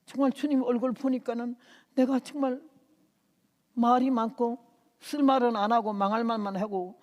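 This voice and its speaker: A woman in her eighties, a missionary giving an impassioned testimony sermon in a church, swinging from hushed tones to loud outbursts. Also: a little high, steady tone, normal speed, muffled recording. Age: 80s. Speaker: missionary preacher. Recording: long reverb of a church hall.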